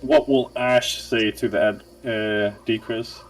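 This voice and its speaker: A man's voice: medium pitch, fairly even intonation, takes it slowly, low-quality recording. A man running a tabletop game, chatting casually and telling a rambling story full of restarts and swearing. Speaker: game master. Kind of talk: casual pre-game chat on a voice call.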